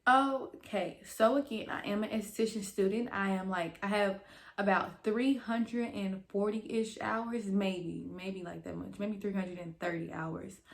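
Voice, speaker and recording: A young woman talks casually to her viewers as a vlog host. A dental retainer slightly impedes her speech. Her delivery is informal and rambling, with emphatic stresses on the points she cares about. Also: mid-range voice. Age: young adult. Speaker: YouTube host and esthetician student. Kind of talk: casual chatty vlog to camera.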